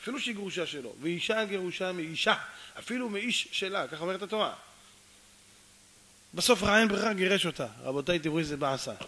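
Male rabbi preaching through a story, bright and sharp, lively delivery. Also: high voice. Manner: animated, addresses audience often, acts out dialogue. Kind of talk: storytelling sermon.

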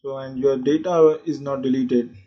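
A man's voice: medium pitch, fairly even intonation, moderate pace, husky. A man walking through a phone tutorial in a casual, explanatory way, with frequent fillers. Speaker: tech channel host. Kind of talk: tutorial walkthrough. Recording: dull lo-fi sound.

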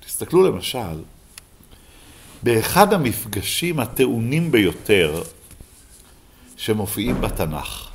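A man's voice: lowish voice, big pitch swings, vocal fry, long pauses, slight background noise. A rabbi giving a Bible lesson to a live class, who keeps asking his listeners questions and then answering them himself.

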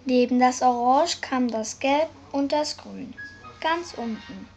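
A woman reading a children's story aloud as narrator, in a slow, careful way. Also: high voice, a little mellow, soft background music. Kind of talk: scripted narration.

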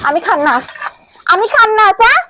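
An actress playing a sharp-tongued village wife who scolds her husband in rapid bursts, in a comic short film. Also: extremely high pitch, big pitch swings, very noisy. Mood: scolding.

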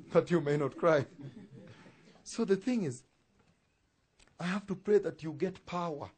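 A man preaching a sermon to a live congregation, with laughing asides and loud emphatic peaks. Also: fairly high pitch, a little slow, slightly rough.

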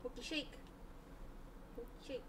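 A woman's voice: slow, fairly bright tone. A woman casually talking to a pet, giving it short commands.

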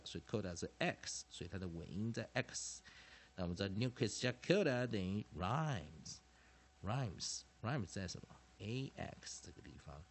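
A man teaching English pronunciation in Chinese, with frequent filler particles and drawn-out repeated words. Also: fairly low pitch. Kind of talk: classroom lesson explanation.

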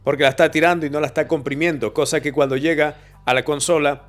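A man's voice: fairly high pitch, steady tone, fast talker, soft background music. Man coaching voice technique. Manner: demonstrative, shifts his projection and brightness on purpose; direct, addresses the viewer. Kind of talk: voice technique tutorial. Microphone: camera and microphone.

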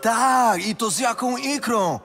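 An actor playing a boisterous, chatty Norse tavern keeper in a video game, telling tales in colloquial speech. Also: male voice, very high voice, unhurried, some chatter behind, exaggerated voice. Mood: excited, admiring. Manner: colloquial, animated storytelling. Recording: game music under the voice.

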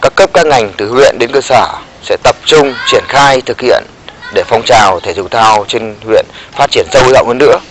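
A man speaks in a mid-pitched voice, stringing together formal official phrases with pauses and hesitant restarts. Faint ambient noise sits behind him. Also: low-quality recording. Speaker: local official interviewed. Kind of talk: unscripted interview statement.

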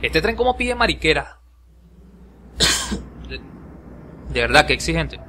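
Excitable man playing a game. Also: on the high side, slow pace, slight background noise. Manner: excitable, swears and yelps when attacked. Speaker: gameplay commentator. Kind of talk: let's play commentary. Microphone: home voice recording over game capture. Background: game music.

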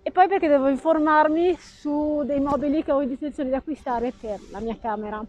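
A woman's voice: high-pitched, a little fast, a little mellow. A woman in her thirties chatting casually as a vlogger, speaking through a face mask. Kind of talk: casual vlog chat. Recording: dull phone sound, background noise.

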